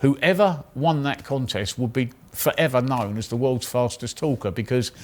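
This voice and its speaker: A man's voice: medium pitch, normal speed. A man with an English accent recounting his own experience in anecdotal first-person storytelling. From England. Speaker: contestant recounting a speed-talking contest.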